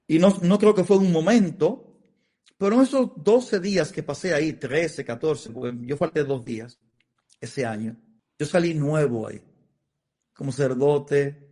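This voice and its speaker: Man, Dominican accent, priest, middle-aged, emotional testimony, fairly high pitch. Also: unhurried, dark tone. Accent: Dominican Spanish. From Dominican Republic. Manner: earnest, emotional storytelling with repetitions. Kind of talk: interview testimony.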